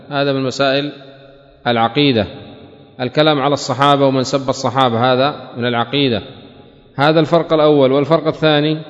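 Man teaching in an echoing hall. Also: medium pitch. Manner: asks questions twice, then answers them; measured, deliberate teaching delivery. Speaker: religious teacher. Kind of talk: question-and-answer creed lesson. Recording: reverberant hall, dull lo-fi sound.

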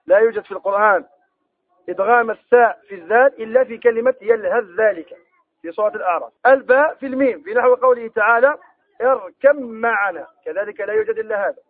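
A man teaching a Quran recitation lesson, explaining rules with questions to his students and reciting the examples slowly. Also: sits high, phone-quality sound. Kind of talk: tajweed lesson.

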